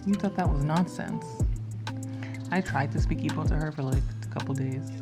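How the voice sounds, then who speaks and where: A woman's voice: low voice, normal speed, loud music behind the voice. A young woman, a new mother, chatting casually to the camera and cooing to her baby in a family vlog. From Nigerian American. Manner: chatty, coos in sing-song baby talk.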